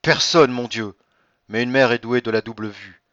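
A man's voice: medium pitch, little pitch movement, moderate pace, fairly bright tone, dry recording, natural voice. A man reading an audiobook, voicing an anguished noble mother who pleads with emotion. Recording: dull lo-fi dry recording.

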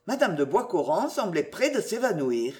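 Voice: mid-range voice, big pitch swings, normal speed, a little mellow. A reader narrating a classic novel with dramatic, varied intonation. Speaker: audiobook narrator. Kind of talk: expressive literary narration.

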